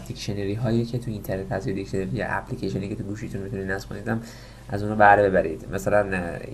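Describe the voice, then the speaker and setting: Low gravelly male English teacher. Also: a little hiss or hum. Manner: reads English words slowly and loudly, then explains in Persian. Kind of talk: Persian-language English lesson, reading word lists aloud.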